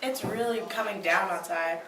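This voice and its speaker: A woman's voice: medium pitch, normal speed. A woman giving playful improvised answers and hamming them up. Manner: playful, hams it up. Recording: echoey room, distant mic, noisy.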